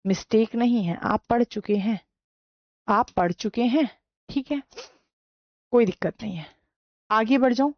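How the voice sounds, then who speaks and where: Woman teacher, higher voice, slow deliberate dictation, lo-fi recording. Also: dry recording. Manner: slow dictation, repeating words for note-taking; quizzes students with frequent questions. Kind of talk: Hindi grammar class lecture.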